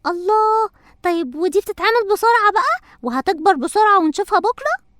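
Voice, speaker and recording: An impatient little cartoon girl, voiced by a woman with an Egyptian accent and a very high, childlike voice. She whines and complains quickly. The sound is dry and close to the mic. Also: sing-song, a bit bright, dry recording, heavily acted. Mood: whiny. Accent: Egyptian Arabic. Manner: whiny, impatient. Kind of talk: cartoon voice acting.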